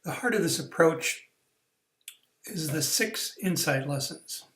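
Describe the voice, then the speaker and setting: Career coach, male, slightly high voice, talking through a training lesson unscripted, with restarts, in a roomy space. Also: expressive, takes it slowly, a bit bright. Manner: explanatory, with fillers and restarts. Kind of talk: recorded online training lesson.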